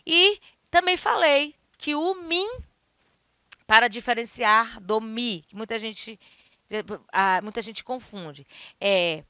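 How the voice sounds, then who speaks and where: Woman teacher, somewhat high, crisp tone, didactic and checking in with students. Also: expressive, slow, sharp tone, no echo, clean studio sound. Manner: didactic, checks in with the class often. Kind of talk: recorded grammar lesson.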